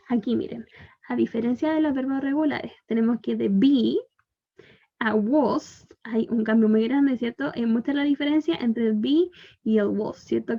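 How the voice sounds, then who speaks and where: A woman teacher with a Chilean Spanish accent, giving a bilingual English lesson, drawing out the English examples slowly and explaining quickly in Spanish. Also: a little high, creaky, dull audio. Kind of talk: bilingual online class.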